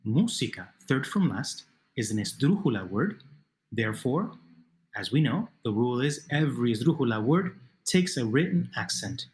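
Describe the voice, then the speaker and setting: Lively-voiced male Spanish teacher. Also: mid-range voice. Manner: asks questions and answers them patiently. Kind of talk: narrated video lesson.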